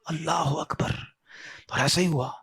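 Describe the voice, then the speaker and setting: High-voiced impassioned male preacher. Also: fairly even intonation, gravelly, a bit bright. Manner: impassioned, with sighing exclamations and rhetorical questions. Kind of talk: emotional storytelling sermon.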